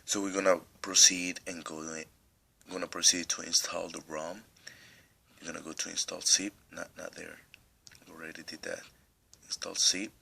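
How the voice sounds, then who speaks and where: A man with a deep voice and a non-native English accent hosts a casual screen tutorial, walking through a phone step by step. His voice is creaky and sharp with a breathy edge, holding little pitch movement at normal speed. He rambles a little, restarts often, and fights a cough.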